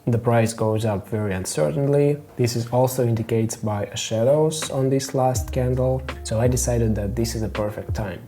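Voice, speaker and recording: A man's voice: medium pitch, moderate pace, few pauses, music in the background. Russian-accented man walking through trades. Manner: methodical, explains step by step with fillers. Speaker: trading channel host. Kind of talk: screen-recorded trading walkthrough.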